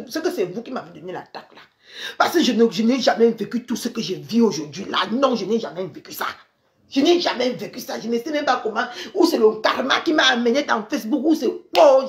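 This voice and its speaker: An upset woman vents on a phone livestream, exclaiming and repeating herself. Her voice sits high and leaps around wildly, jumping from sharp outbursts down to low grumbles. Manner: agitated, exclaiming, repeating herself, swinging between loud outbursts and low mutters. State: upset and angry. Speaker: social media livestreamer. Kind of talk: indignant Facebook live rant.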